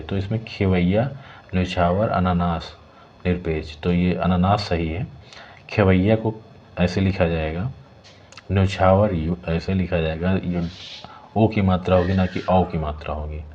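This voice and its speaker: A low-voiced man walks through exam questions as a tutor, repeating each corrected word slowly. The recording is dull and lo-fi, with a faint hiss underneath. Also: dark tone. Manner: repeats words slowly, adds "ठीक है" checks. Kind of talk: explaining exam questions, partly reading options.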